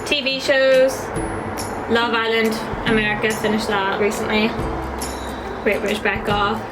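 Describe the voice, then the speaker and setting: A woman of twenty with a Northern Irish accent, chatting casually and giggling on a vlog from a student flat. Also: on the high side, unhurried, poor audio. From Northern Ireland, County Antrim. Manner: chatty, giggly, lots of fillers. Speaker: vlogger, student. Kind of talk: casual chat. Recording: music playing behind.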